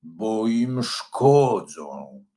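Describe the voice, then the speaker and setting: Slow grumbly sensible dragon, guy voicing him, low and steady. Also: heavily acted. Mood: grumbling. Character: calm, sensible older male dragon. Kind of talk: storybook character voice.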